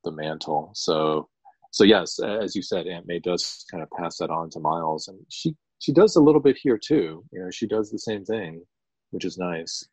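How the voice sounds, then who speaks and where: A man's voice: deep voice, expressive, moderate pace, a little mellow, breathy edge, no echo, rough recording. A man co-hosting a podcast, retelling a story at length with frequent ums and restarts. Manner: rambling storyteller, many ums. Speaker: podcast co-host, attorney. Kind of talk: casual podcast chat.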